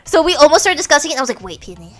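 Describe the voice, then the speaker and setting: A woman's voice: high-pitched, very fast, soft background music. A young American woman streamer chatting casually and animatedly, giggling as she tells stories. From United States. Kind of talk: casual chat.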